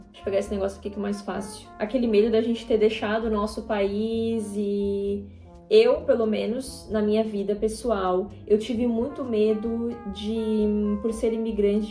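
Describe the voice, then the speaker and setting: While she paints, a Brazilian woman in her twenties talks loosely to her YouTube audience in a Brazilian Portuguese accent, full of fillers and tag questions. She has a warm, medium-pitched voice, heard in an echoey room.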